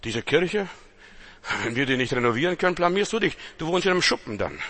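A male preacher delivering a sermon with a bright, forceful edge to his voice. He pitches a little high for a man and fires rhetorical questions at his listeners. He swings between loud exhortation and hushed, intense passages. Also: sing-song, quick pace.

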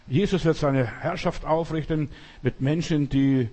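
A man's voice: a little high, a little slow, a little mellow. A man preaching an emphatic sermon and acting out the quoted voices.

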